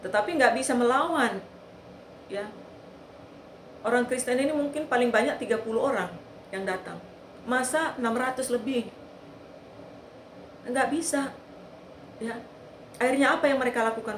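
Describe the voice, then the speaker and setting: A woman's voice: a little high, a little hiss or hum. A woman giving an earnest eyewitness testimony, telling the story with repetition. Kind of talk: personal testimony. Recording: echoey room.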